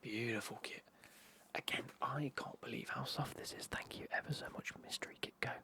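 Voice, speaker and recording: A British person in their twenties whispering an ASMR unboxing in a soft, excited, chatty way, reading aloud. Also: medium pitch, fairly quick. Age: 20s. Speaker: ASMR video host.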